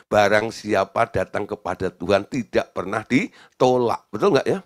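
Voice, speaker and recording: A male pastor delivering a sermon, animated, asking the congregation questions and acting out the voices of the people in his story. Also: lowish voice, moderate pace.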